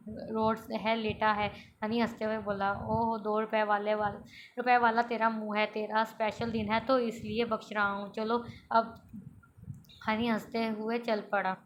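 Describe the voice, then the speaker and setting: A woman reads from a romantic novel at a measured pace, her fairly high voice showing little pitch movement against slight background noise. All the characters come out in her own mostly plain voice, and she makes small stumbles and restarts.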